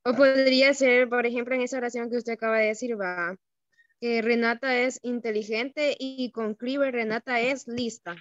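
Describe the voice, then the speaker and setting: A woman's voice: a little high, steady tone, moderate pace, dry recording, muffled recording. A woman student answering tentatively in an online class, offering suggestions.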